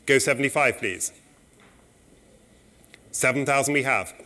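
A middle-aged man working as an auctioneer, calling bids in a saleroom in a brisk, polite, repetitive way. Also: medium pitch, sharp tone.

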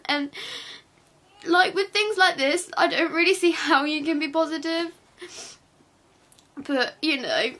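Quiet bright-voiced teen girl. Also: high voice. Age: teens. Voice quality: quiet, hushed voice. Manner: rambling, repeats and restarts. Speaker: vlogger. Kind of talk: emotional to-camera monologue. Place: family home at night.

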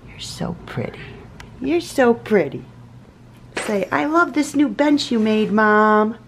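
Chatty woman vlogging, lively pitch. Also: slow pace, slight background noise. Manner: chatty, self-interrupting, laughs at her own slips. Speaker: cooking vlogger. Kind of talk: casual meal prep vlog. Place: home kitchen, indoors. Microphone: camera mic at arm's length and on the counter.

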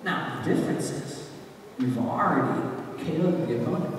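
Impassioned preacher in an echoey hall. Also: male voice, mid-range voice, lively intonation, normal speed, distant mic, background noise. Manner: impassioned preaching, rising and falling intensity. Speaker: pastor. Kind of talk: sermon. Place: church sanctuary.

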